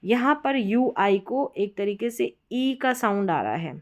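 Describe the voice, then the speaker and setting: A woman gives an unhurried spelling lesson, sounding out each word. She often repeats a word and asks it back to her viewers. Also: mid-range voice, expressive. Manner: repeats words slowly and asks questions back. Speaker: English spelling teacher. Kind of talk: explanatory classroom lesson.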